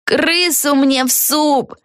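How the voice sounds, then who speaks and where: A bold, impulsive young witch girl, as a woman reading aloud puts her on, all emphatic exclamations. Her raised girlish voice swings lively up and down, dry and close to the mic. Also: high-pitched, normal speed, no echo, voice pushed up. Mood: eager.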